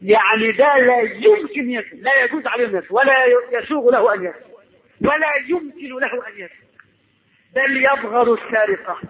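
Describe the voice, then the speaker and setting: A man's voice: very high voice, fairly quick, narrow, tinny audio. A man with an Egyptian Arabic accent gives a colloquial religious lesson on Arabic grammar, asking his audience questions and answering them himself. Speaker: preacher teaching Arabic grammar.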